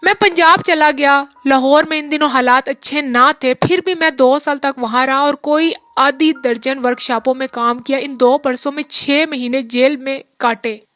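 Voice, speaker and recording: Woman narrator doing a tired working man, rueful and rambling, high bright reading voice, dry close sound. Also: fairly even intonation, normal speed, hardly any pauses, dry recording. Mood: weary, rueful. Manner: long rambling confessional talk. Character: weary peasant-born man, bitter yet brotherly.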